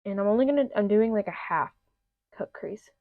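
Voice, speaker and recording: A young woman running a makeup tutorial chats casually, using lots of fillers, and her allergies make her sound a little nasal. The beauty vlogger's medium-pitched voice is animated and fairly quick, in a slightly muffled home recording with no echo.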